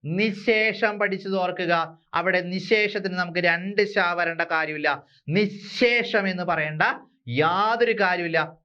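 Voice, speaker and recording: High bright-voiced man teaching. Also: smooth, lo-fi sound. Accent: Malayali. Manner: explains slowly, repeats words, asks rhetorical questions. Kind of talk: exam-prep language lesson.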